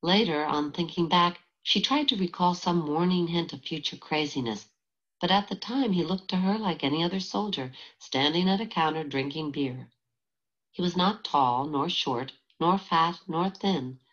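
A woman reading a novel aloud as an audiobook narrator, in a steady, measured way. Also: lowish voice, lo-fi sound. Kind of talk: scripted narration.

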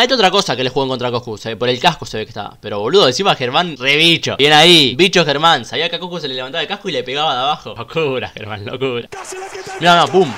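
A young man from Argentina with a Rioplatense accent, chatting excitably through a casual reaction commentary. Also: on the high side, noisy background. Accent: Rioplatense Argentine Spanish. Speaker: reaction content creator.

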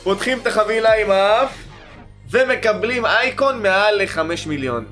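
A young man giving excited, slangy commentary while opening game packs, pleading for good cards and shouting at big pulls. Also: sits high. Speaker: gaming YouTuber. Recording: music playing underneath.

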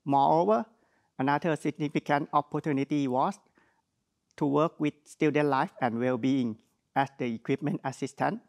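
A man's voice: a little high, moderate pace, gravelly, darkish tone. A young man from Thailand with a Thai accent, giving an earnest graduation speech in a studio. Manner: earnest, plain wording with light jokes. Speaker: graduate speaker. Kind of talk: prepared speech. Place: studio with virtual backdrop.

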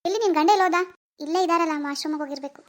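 A performer voicing a grieving young wife, weary and bitter after losing her baby, in an animated drama. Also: extremely high pitch, rapid-fire. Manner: weary, bitter and self-pitying.

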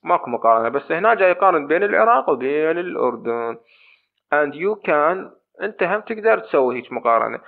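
Gravelly Iraqi teacher on tinny audio. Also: male voice, on the high side, sing-song. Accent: Iraqi Arabic. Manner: switches between slow, drawn-out English and quick Arabic explanation. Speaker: English teacher. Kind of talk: recorded lesson explaining a textbook.

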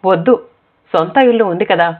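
A woman's voice: mid-range voice, moderate pace, lightly acted. A woman voicing a proud young wife who mocks and brushes people off in curt replies, in a spoken storybook. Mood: dismissive. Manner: mocking, curt. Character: sharp-tongued young wife, dismissive and proud. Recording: tinny phone-like sound.

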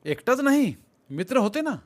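A man's voice: very high-pitched, sing-song, moderate pace, voice pushed up. A man reading an audiobook and voicing a troubled young husband who gives evasive, brooding replies. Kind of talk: audiobook character voice.

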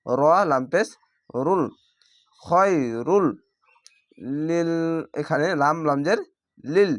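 A man teaching Quran reading, spelling each word out slowly by its letters and vowel marks before reciting it. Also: on the high side, no echo, studio quality. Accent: Bangladeshi Bengali. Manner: slow, drawn-out syllable-by-syllable spelling with recited words.

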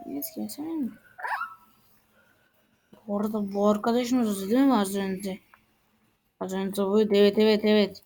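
A woman hosting a game channel, giving casual gameplay commentary with excitable, exclaiming reactions. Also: medium pitch, moderate pace, long pauses.

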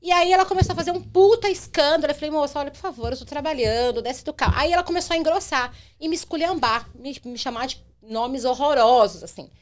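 A young adult woman, a rideshare driver telling a story on a podcast in an animated way. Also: high voice, fast, few pauses. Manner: animated, acts out quotes in her telling.

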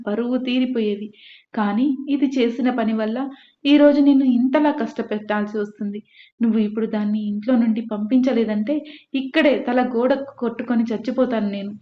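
A woman reading the part of a bedridden mother, scolding loudly and bitterly. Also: fairly high pitch, natural voice. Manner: shouting, scolding. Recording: echoey room, dull lo-fi.

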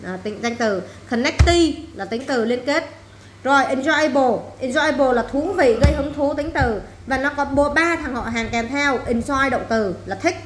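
In a classroom, a woman English teacher leads a vocabulary drill, saying each word, repeating it, then giving a plain explanation. Her voice sits high and her speed is normal, and the room is echoey with faint background noise.

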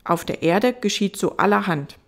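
A woman's voice: medium pitch, lively intonation, normal speed, pitched above the performer's own voice, close to an everyday voice. The fox, read by a woman. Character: gentle wise fox, patient and wistful.

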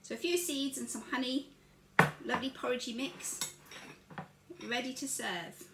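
A high, fairly even voice at normal speed comes through a very noisy recording. It belongs to an older woman vlogging a casual breakfast cooking demo in her own kitchen, chattily talking through each step, with a camera across the counter picking up echoes and clattering dishes.

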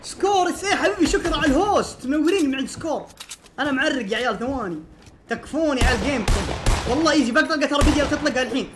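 A man, streaming a game and calling out to his teammates with urgent repeated commands that burst into excited shouting. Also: very high voice, racing, very noisy. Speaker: gaming streamer. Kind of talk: live game commentary to teammates. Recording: loud game music under voice. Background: game music and gunfire.

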